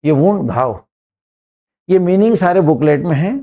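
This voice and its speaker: A man's voice: on the high side, animated, normal speed, lo-fi sound. Man teaching English grammar to a class. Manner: repeats words and keeps checking students understand.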